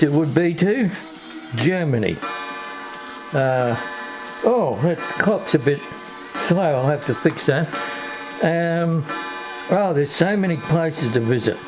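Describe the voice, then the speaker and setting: Australian male host, slow unhurried delivery, wanders off topic, faint music underneath. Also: on the high side. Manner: rambling, digressive, slow and hesitant. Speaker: video host. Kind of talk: casual talk to camera.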